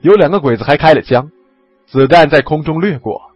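A man narrating a story in the first person, with lively, expressive storytelling. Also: a little high, brisk, husky, no room sound, muffled recording, faint music behind.

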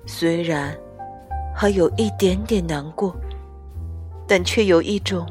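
A woman reading a children's picture book aloud in a soft, unhurried, gentle way. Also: lowish voice. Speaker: storyteller. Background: soft music.

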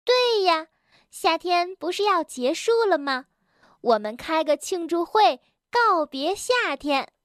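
A woman voicing a timid, excitable male rabbit in a children's storybook, with a squealing, flustered and whiny manner. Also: very high voice, slow, no room sound, studio quality, voice pushed up, heavily acted. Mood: cheerful.

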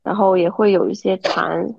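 A woman lying in bed at home, hoarse and stuffy from illness, giving a wry, self-mocking account over an online call. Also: medium pitch, steady tone, normal speed, darkish tone, dry recording, dull audio. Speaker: podcast team member. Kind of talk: casual chat. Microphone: online call app from home.

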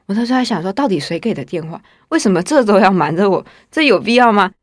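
A woman in her 20s, the guest storyteller, tells a personal story in a relaxed, chatty, wry first-person style. She has a mid-range, expressive voice, talks fast, and there's no room sound.

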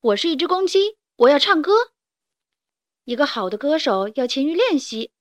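Storybook part: brash young rooster, loud crowing, high and bright, read by a woman. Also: expressive, a little fast, no room sound, clean studio sound. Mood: boastful. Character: young male rooster, cocky would-be singer.

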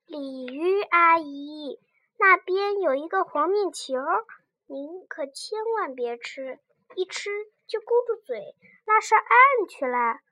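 An earnest little fish hurries to warn everyone, with a high, bright storybook voice, as a woman reads it. The words come out slowly and carefully. The sound is dry and close. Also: animated, no room sound, lo-fi sound, exaggerated voice. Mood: urgent. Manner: urgent, pleading. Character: small young fish, earnest and eager to warn others.

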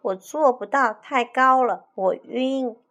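A woman voicing a timid young male sheep in a children's story, in a higher, louder, anxious voice. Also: moderate pace, highs cut off, natural voice. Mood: scared. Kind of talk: storybook voice acting.

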